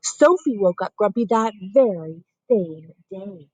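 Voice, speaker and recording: A teacher reading a picture book aloud at home to young children, asking them gentle questions and leading a breathing exercise. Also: female voice, mid-range voice, animated, takes it slowly, no room sound, rough recording.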